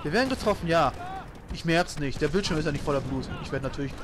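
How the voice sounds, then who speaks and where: Male let's player, lightly high voice, casual joking commentary over clearly audible game noise. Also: animated, fast talker. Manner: joking, sarcastic, swearing. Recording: game gunfire and noise behind. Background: video game gunfire.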